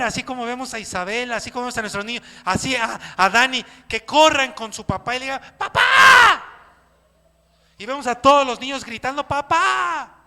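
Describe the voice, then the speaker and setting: A Mexican pastor preaches with a strikingly high, bright voice that rings through a reverberant church hall. He acts out little scenes and questions his congregation as he goes. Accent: Mexican Spanish. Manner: animated preaching with acted-out quotes and questions to the congregation. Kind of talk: sermon.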